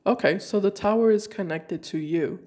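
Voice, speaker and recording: A woman with a mid-range, slightly mellow voice reads tarot for viewers at a moderate pace. Despite a cold, she keeps the talk casual and muses aloud, often restarting hesitantly. She's at home, in a room with a decorated card table.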